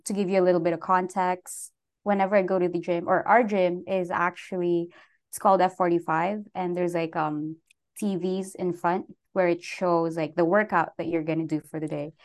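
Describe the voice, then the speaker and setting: A young adult woman from the Philippines, a guest talking casually in an interview with many filler words. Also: on the low side. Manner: relaxed, lots of "like" fillers, laughs between phrases.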